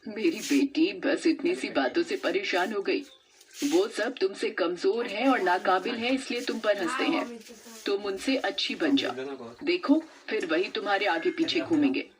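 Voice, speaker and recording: A woman voicing a dead mother who has returned as a witch spirit, gently scolding and comforting her daughter in a cartoon story. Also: medium pitch, measured pace, a crowd in the background, close to an everyday voice. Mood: consoling. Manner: gentle, admonishing.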